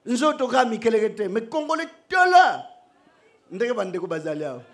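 A middle-aged man with a very high voice preaches a sermon at a moderate pace into a stand microphone on an outdoor church stage. He is animated and joking, swinging from shouts to soft asides.

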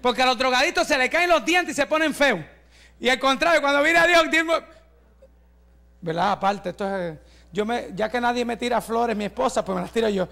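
High, gravelly-voiced preaching man. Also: expressive, fairly quick. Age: 40s. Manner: fervent preaching, rising to shouts, with joking asides. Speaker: pastor. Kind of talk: testimony sermon.

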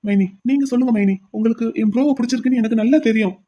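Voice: mid-range voice, racing, warm tone, highs cut off, lightly acted. A voice actor playing an insistent, pleading young man in a cartoon. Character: brash young man pining for his brother's sweetheart.

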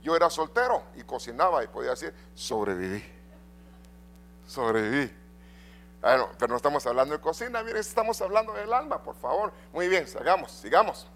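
A middle-aged man preaching a sermon in a church, swinging between loud and soft and asking the congregation questions. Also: a little high, big pitch swings, fast, few pauses. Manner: addresses congregation with rhetorical questions. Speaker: pastor.

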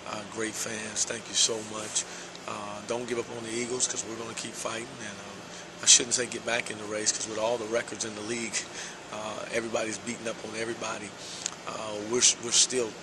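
A middle-aged man, a basketball head coach, giving a measured post-game interview in a large empty indoor arena, with frequent "uh" fillers. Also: lowish voice, level tone, background noise.

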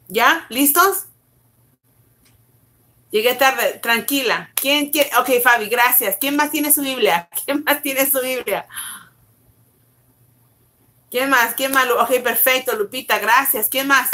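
Brisk, bright-voiced woman pastor. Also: high-pitched, a little hiss or hum. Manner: brisk, greets viewers by name, urges them on. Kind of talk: livestreamed Bible teaching. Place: bedroom at home.

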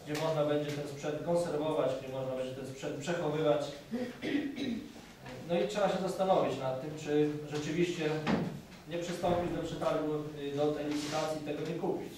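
Halting official in an echoey hall. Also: male voice, fairly high pitch, fairly even intonation. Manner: halting, with many filler sounds. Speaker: municipal official presenting the budget. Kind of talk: formal council speech. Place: council meeting hall. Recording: echoey hall recorded from a distance, background noise.

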